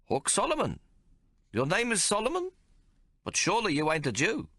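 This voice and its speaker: In an audiobook, a man puts on an exaggerated, pushed, bright voice with wildly swooping pitch to play a sly little male tailor who haggles in a whiny, pleading, high-pitched, wheedling manner. He speaks at a moderate pace, in a dry, clean studio recording.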